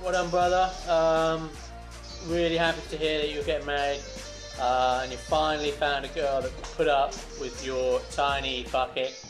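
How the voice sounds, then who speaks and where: Give me a halting man with a flat, slightly high voice, music in the background. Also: poor audio. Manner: halting, teasing, many ums. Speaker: friend sending a wedding message. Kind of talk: casual selfie video message. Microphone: phone camera.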